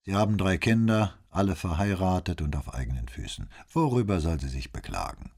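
A man reading an audiobook and voicing a gruff boatman who talks in a matter-of-fact, dismissive way. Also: low-pitched, very animated, fairly quick, a little mellow, full character voice. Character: older male boatman, gruff and shrugging.

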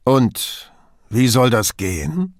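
A man reading an audiobook, playing a gruff, arrogant male boss who speaks curtly and mockingly. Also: medium pitch, sing-song, normal speed, dry recording, clean studio sound, pitched above the performer's own voice, natural voice. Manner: curt, rude, mocking.

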